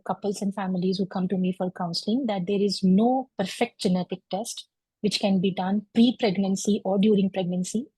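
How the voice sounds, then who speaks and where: A woman, a clinical geneticist giving a measured, explanatory medical lecture over a video call. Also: medium pitch, darkish tone, breathy edge, dry recording, rough recording. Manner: measured, explanatory, with frequent uh fillers. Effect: heard over a video call. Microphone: computer mic on a video call.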